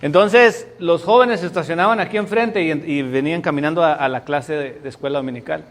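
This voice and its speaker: High-voiced pastor preaching. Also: male voice, fairly quick. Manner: emphatic, dramatic storytelling. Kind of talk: sermon. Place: church sanctuary before a congregation.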